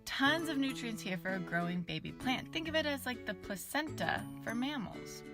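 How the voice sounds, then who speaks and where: Bright, curious young woman hosting science. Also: a little high, lively intonation, moderate pace, over music. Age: young adult. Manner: bright, curious, enthusiastic, chatty. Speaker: science show host. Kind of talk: casual educational science presenting to camera. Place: outdoors in a backyard.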